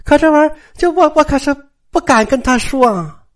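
Storyteller's sharp, scheming young wife, high and quick-witted. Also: close to an everyday voice. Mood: coy.

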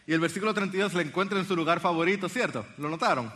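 A male preacher delivers a sermon, reading scripture aloud and asking his listeners earnest questions. His voice sits high for a man, with a bright and forceful tone. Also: racing. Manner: earnest, addresses the congregation with questions.

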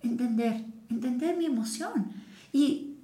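A woman co-hosting a casual wellness chat, speaking in a calm, reflective way with everyday examples. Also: on the high side, a little slow. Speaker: podcast co-host. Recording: echoey room.

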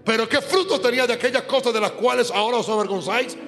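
A man's voice: very high-pitched, fast talker, fairly bright tone. A male preacher giving a fervent sermon, praying aloud, speaking in tongues and repeating phrases for emphasis. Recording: echoey hall with music behind.

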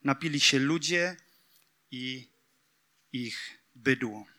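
A man's voice: mid-range voice, slow, sharp tone. A man preaching a sermon, speaking directly to his congregation, reading scripture aloud and breaking into emphatic outbursts.

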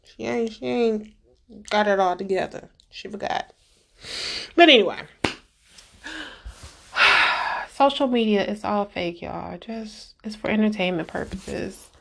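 Woman, vlogger, casual rant, emphatic, exasperated, mid-pitched voice, talks straight to camera. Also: takes it slowly, gravelly, long pauses, fairly bright tone.

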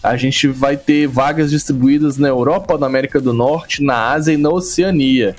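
A man's voice: medium pitch, moderate pace. A young man with a Brazilian Portuguese accent co-hosting a casual esports podcast in a blunt, exasperated, slangy style. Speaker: podcast co-host. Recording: music behind the voice. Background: background music.

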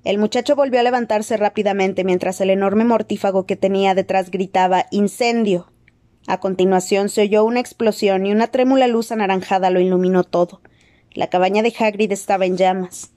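A woman reading a novel aloud as an audiobook narrator, in steady, dramatic scripted narration. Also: medium pitch, brisk.

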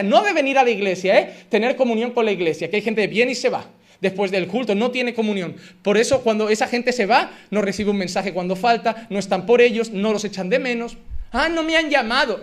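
A man pastor with a Spanish accent from Spain, preaching an impassioned, emphatic sermon full of repeated phrases. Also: high-pitched.

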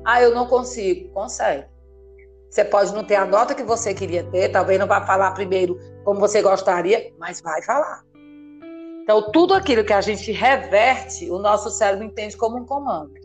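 A woman's voice: medium pitch, brisk. A woman from Brazil, a therapist, explaining emphatically in an interview and checking that her listener follows. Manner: animated, emphatic, asks listener "entendeu?" often. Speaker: therapist guest. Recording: faint background music.

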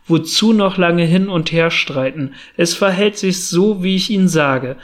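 A brisk, sharp-witted detective with an impatient, commanding manner, read aloud by a man. His voice sits a little high for a man, and the delivery is that of an audiobook character reading. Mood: lecturing.

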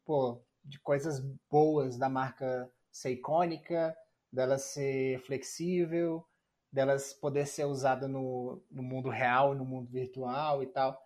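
A man's voice: mid-range voice, steady tone, slow, darkish tone. A Brazilian man co-hosting a podcast, asking questions in a laid-back, slangy way and drawing out his phrases. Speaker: podcast co-host. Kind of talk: casual podcast chat.

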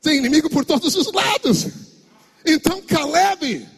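A man preaching a sermon as pastor with a Brazilian Portuguese accent, swinging between shouts and a sing-song preaching cadence. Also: extremely high pitch, lively intonation, normal speed, creaky. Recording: long hall reverb.

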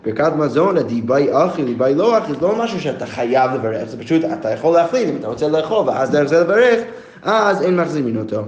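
A man's voice: on the high side, sing-song, darkish tone. A man teaching a Talmud lesson, reading the Aramaic text in a chant and then explaining it in casual everyday words, often correcting himself mid-sentence. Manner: frequent self-corrections and fillers. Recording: echoey, dull lo-fi recording.

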